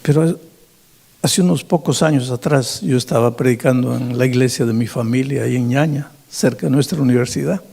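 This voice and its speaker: A male pastor preaching through an animated story, his voice climbing high on emphasis. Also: brisk, creaky, slightly rough. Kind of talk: sermon storytelling.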